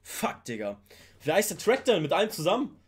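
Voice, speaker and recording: A man reacting casually to a rap music video, excited and slangy, humming melodies along, with faint music behind him. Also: sits high, fairly quick, breathy edge. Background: rap music playing faintly.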